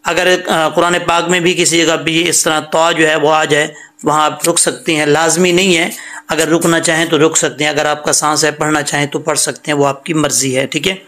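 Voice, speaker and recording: A man teaching correct prayer recitation, drawing words out slowly and then explaining mistakes in plain talk. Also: on the high side, little pitch movement, bright, forceful tone. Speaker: tajweed teacher. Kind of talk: slow recitation lesson with corrections.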